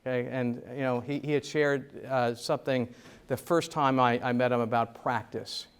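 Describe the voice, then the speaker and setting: A man introducing the next speaker at a business event, halting and warm in his praise. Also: mid-range voice, fairly even intonation, smooth. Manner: halting, many fillers and restarts.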